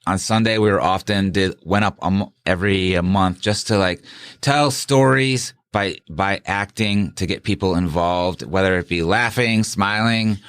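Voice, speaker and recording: A man's voice: sits low, moderate pace, a bit bright, clear, resonant tone, no room sound. A middle-aged man telling a story in a casual interview, rambling and often restarting his sentences. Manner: rambling, with many restarts and self-corrections. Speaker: guest, sheriff candidate.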